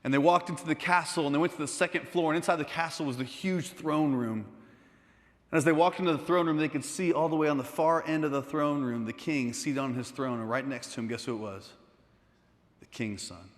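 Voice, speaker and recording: A man telling a lively story to students in a conversational way, with asides to his listeners. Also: on the high side, brisk. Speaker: speaker. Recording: echoey hall.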